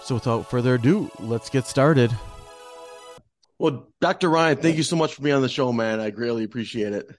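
A man's voice: medium pitch, normal speed, soft background music. A man hosting a podcast, reading an intro and chatting with his guest in an upbeat, friendly way. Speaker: podcast host.

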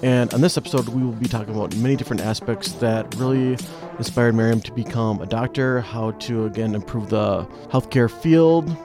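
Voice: medium pitch, a little fast, over music. A podcast host introducing a guest and chatting casually, with many fillers. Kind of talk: interview podcast hosting.

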